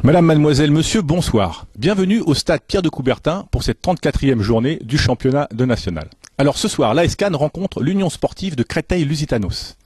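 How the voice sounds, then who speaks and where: Fast-talking Frenchman presenting football. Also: a little high, lively intonation, darkish tone. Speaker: club video presenter and interviewer. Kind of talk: sports presenting and interviewing.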